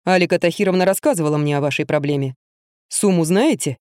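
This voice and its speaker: A woman voicing a calm, blunt young male fitness trainer who speaks curtly and matter-of-factly. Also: lowish voice, quick pace, no echo, clean studio sound, lightly acted. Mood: cool. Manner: cool, curt, matter-of-fact.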